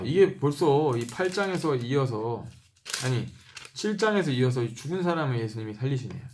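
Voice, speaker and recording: A man reading Bible passages aloud slowly, repeating verses and stopping to explain them in a casual way. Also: mid-range voice, darkish tone. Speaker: Bible reader. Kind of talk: reading scripture aloud with commentary.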